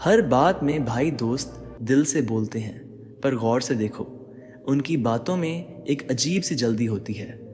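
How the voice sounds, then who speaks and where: A man's voice: medium pitch, animated, measured pace, darkish tone. A man giving dramatic motivational narration, speaking straight to the listener with rhetorical questions. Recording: long reverb with faint background music.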